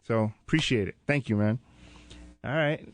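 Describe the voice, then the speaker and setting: A man's voice: mid-range voice, normal speed, dry recording. Easygoing encouraging male youth mentor. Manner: easygoing, encouraging, calls students "man" and "brother". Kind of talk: casual interview with students. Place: indoor recording space at a sports arena.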